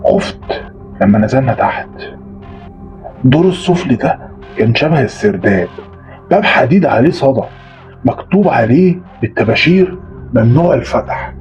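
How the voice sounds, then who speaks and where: A man with an Egyptian accent narrating a first-person horror story at a mid pitch, in a tense, dramatic way. The recording sounds dull and lo-fi, with faint music beneath the voice. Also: animated, fairly quick, pauses often, a little mellow.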